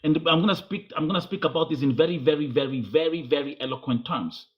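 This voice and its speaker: A fast-talking man with a slightly raised pitch presses his guest with pushy, probing questions and often repeats himself. His voice comes through with a dull, lo-fi sound. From Kenya. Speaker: interviewer. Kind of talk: confrontational interview.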